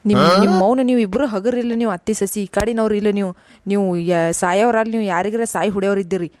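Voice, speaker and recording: A woman's voice: mid-range voice, fairly even intonation, warm tone, lightly acted. A woman voicing an exasperated grown son and husband in a cartoon, scolding in a North Karnataka accent. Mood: bitter. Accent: North Karnataka Kannada. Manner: scolding, fed-up, rapid complaining. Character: exasperated adult son and husband caught in family fights. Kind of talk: cartoon voice acting.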